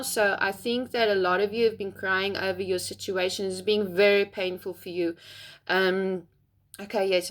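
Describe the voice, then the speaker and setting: Woman doing a heartfelt tarot reading. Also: mid-range voice. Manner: gentle, heartfelt, with many ums and pauses. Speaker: tarot reader. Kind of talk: casual spoken tarot reading.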